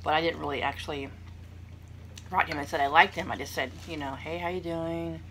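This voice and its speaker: A young woman with a low voice hosts a casual eating vlog, talking to her viewers between bites. She rambles in an unhurried, self-deprecating way. Clear background noise sits behind her voice. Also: fairly even intonation, a bit bright. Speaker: vlogger hosting a mukbang.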